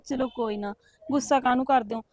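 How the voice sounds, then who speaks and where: A woman's voice: high voice, fairly even intonation, fairly quick, dry recording, clean studio sound. A young woman with a Punjabi accent playing a newly married wife who coaxes and complains to her husband. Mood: hurt. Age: young adult. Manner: soft, coaxing, complaining. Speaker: actor in a short film. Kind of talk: village short-film acting.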